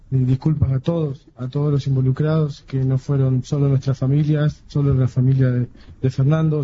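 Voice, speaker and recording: A young man in his twenties, a defendant, giving a formal, halting apology and repeating his words. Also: mid-range voice, mellow, slight background noise. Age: 20s. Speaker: defendant making a statement in court. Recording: dull court audio with faint ambience.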